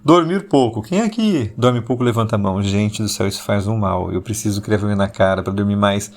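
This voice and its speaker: A man, hosting an intimate late-night podcast monologue and deliberately talking slower and lower, though he still slips into speaking fast. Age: 40s. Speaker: podcast host.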